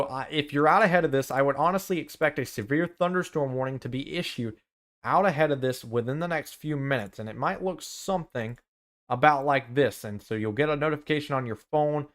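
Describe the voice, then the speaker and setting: A young man, a student meteorologist, giving live severe weather coverage, listing towns and arrival times with urgent warnings and some self-corrections. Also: mid-range voice.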